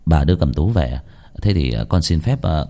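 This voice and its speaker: A man voicing a calm, kind middle-aged uncle who speaks in a low, measured way. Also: vocal fry, exaggerated voice. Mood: calm, somber.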